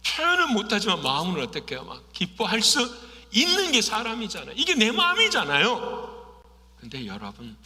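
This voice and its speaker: A middle-aged man preaches from the pulpit in a high, sharply bright voice that rises and falls widely. He poses questions and answers them, sometimes sinking to a hushed whisper. His voice carries a long reverb, as in a large church hall. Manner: animated preaching, rhetorical questions with answers, swings from loud to hushed. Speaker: pastor. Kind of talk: sermon. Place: church sanctuary.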